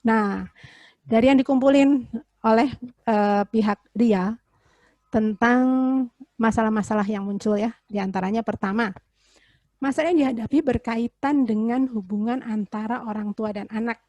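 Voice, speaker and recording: A woman's voice: on the high side, normal speed, darkish tone, no room sound. A woman, a psychologist giving a casual webinar talk to parents, explaining with everyday examples and rhetorical questions over a video call. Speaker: child psychologist presenter.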